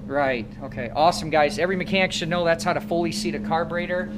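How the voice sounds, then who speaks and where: Heavy background noise fills this clip of a man in his thirties teaching motorcycle repair hands-on. His Midwestern American voice sits on the high side, with a steady tone and a quick pace, as he coaches and quizzes the students watching him work.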